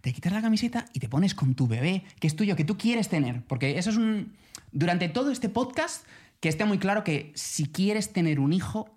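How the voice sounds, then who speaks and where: A man from co-hosting a podcast in casual chat, telling stories with lively voiced asides. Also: high-pitched, moderate pace. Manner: animated storytelling, voices other people in quotes. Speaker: podcast co-host.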